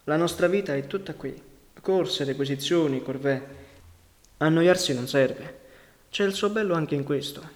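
A man's voice: a little high, unhurried, lightly acted. A man voicing a curt, sardonic young partisan leader with a dry, mocking manner, in a storybook reading. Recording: long reverberant hall sound.

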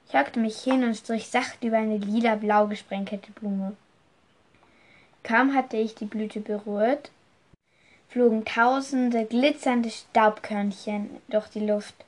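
A woman reads a first-person fantasy story aloud at a slow, deliberate pace. Her voice sits at a middle pitch, steady and measured. The delivery is scripted storytelling. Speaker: audiobook reader.

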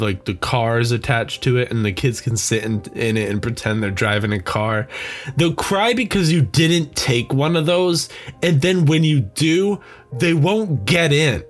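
A young man rambling through a comedic monologue, often laughing at his own jokes. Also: mid-range voice.

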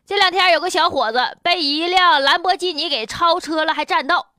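A woman's voice: very high voice, normal speed, pushed and bright, soft background music. A woman with a Northeastern Chinese accent hosting a colloquial comic commentary show in a chatty, sardonic, folksy manner. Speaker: radio show host.

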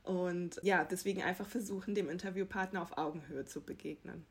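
A woman's voice: on the low side, steady tone, fairly quick. A young woman working as a TV entertainment reporter, telling anecdotes in a chatty, self-deprecating way with frequent laughs. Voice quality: husky. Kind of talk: casual interview answers, anecdotes.

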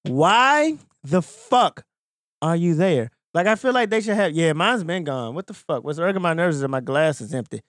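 A young adult man co-hosting a podcast, ranting in profane, animated casual chat full of slang. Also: fairly high pitch, moderate pace, dry recording, studio quality. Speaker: podcast co-host.

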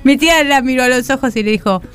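A woman's voice: high voice, fast, a bit bright, clear, resonant tone, soft background music. A woman co-hosting a radio show in a Rioplatense Argentine accent, telling funny family stories and giggling. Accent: Rioplatense Argentine Spanish. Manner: storytelling, giggly. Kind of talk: casual radio banter. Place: radio studio.

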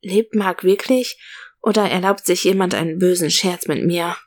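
A lonely young woman who has lost touch with her brother speaks in a soft, quiet, subdued voice, as a woman reading a story puts her on. Her lines are low-key and fragile, close to the storyteller's own voice. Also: normal speed, lightly acted. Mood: anxious, unsure.

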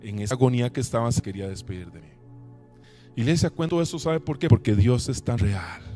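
A man preaching a sermon in church, telling a personal testimony with emotion, rising to loud preaching and dropping to hushed recollection. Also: medium pitch, animated, a little fast, soft background music. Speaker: pastor. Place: church service.

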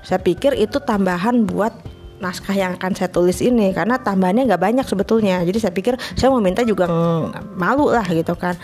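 A woman's voice: mid-range voice, a little fast, darkish tone. Woman, casual solo talker, chatty and laughing, faint music underneath. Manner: chatty, laughs often, mixes in English words. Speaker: freelance scriptwriter. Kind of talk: casual personal monologue.

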